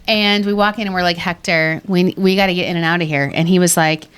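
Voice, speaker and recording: A woman co-hosting a podcast in casual chat, telling stories in an animated, emphatic way. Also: on the low side, fast talker, clear, resonant tone. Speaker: podcast host. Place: salt cave with trickling water.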